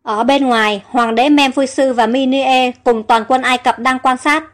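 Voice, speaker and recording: Rich: A woman with a high, light voice narrates a tale, reading every character's lines herself. Soft music plays faintly behind her. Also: steady tone, moderate pace. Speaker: storyteller. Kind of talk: scripted story narration.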